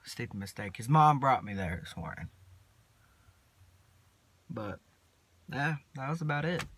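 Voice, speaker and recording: A teenage boy, rambling casually to his phone camera from inside a parked truck, mumbling in a laid-back drawl with long pauses. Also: mid-range voice, expressive, fairly bright tone, breathy edge. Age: teens. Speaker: vlogger. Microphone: phone camera at arm's length.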